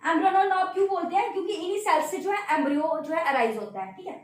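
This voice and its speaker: एक महिला बायोलॉजी शिक्षिका कक्षा की तरह लेक्चर देती है। वह मुख्य शब्दों को सवाल बनाकर दोहराती है और बार-बार "है ना", "ठीक है" कहकर छात्रों से जुड़ती है।. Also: female voice, very high voice, rapid-fire, distant mic. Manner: repeats key terms as questions and answers them; checks in often with tag words. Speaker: biology teacher. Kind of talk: classroom lecture at a board. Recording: very echoey room, voice off-mic.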